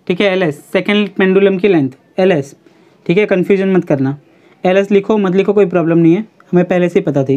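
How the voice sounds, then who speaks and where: A young woman teaching a physics exam-prep lesson online. She talks briskly, keeps asking if there is any problem, urges students to hurry, and slows down when she dictates formulas. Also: medium pitch, a little mellow.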